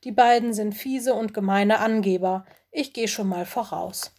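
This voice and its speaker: A woman's voice: medium pitch, unhurried, a little mellow. Woman doing a sulky young female forest animal. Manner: dismissive, sulky.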